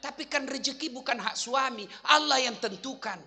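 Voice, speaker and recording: A male Islamic preacher giving a humorous sermon, telling jokes and stories and sometimes shouting to the crowd. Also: very high voice, normal speed. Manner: animated storytelling, jokes, bursts of shouting. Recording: reverberant hall.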